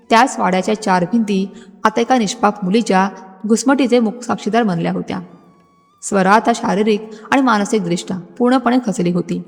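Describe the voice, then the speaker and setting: A woman narrating a scripted, dramatic story in a steady storytelling manner. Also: mid-range voice. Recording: music bed, long hall reverb.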